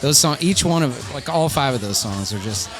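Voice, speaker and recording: A man's voice: mid-range voice, animated, normal speed. A man interviewing a band, enthusiastic and rambling with many fillers. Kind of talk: casual chat. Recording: loud bar with live music and crowd.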